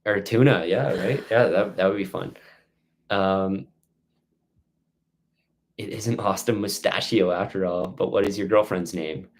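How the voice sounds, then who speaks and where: A man's voice: low voice, unhurried, long pauses, a little hiss or hum. A man hosting a casual outdoor live-stream Q&A, reading out questions and giving rambling, stop-start answers.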